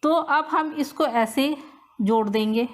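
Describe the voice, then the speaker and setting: A woman teaching a grammar lesson, walking through each rule step by step and repeating key points. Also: high-pitched. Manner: slow, repetitive step-by-step explaining. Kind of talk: whiteboard-style grammar lesson.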